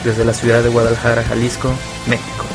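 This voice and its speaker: A man giving a recorded show intro in a flat announcer delivery. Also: medium pitch, quick pace. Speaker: podcast announcer. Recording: intro over music.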